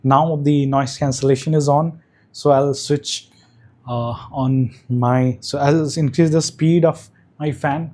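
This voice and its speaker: A man's voice: on the high side, fairly even intonation, takes it slowly, a little mellow. A man demonstrating gear, hesitant with many fillers, heard through a wireless clip mic with active noise cancellation that processes his voice. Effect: wireless mic with active noise cancellation on, processed sound. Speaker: gadget reviewer. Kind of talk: product demo. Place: room with a fan running and traffic outside. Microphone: wireless clip mic into a phone.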